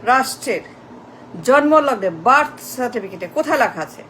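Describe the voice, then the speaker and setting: A woman's voice: high voice, expressive, a little fast, a bit bright, a little hiss or hum, low-quality recording. A woman delivering an impassioned political rant, repetitive and mocking, mixing in English phrases. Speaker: political commentator.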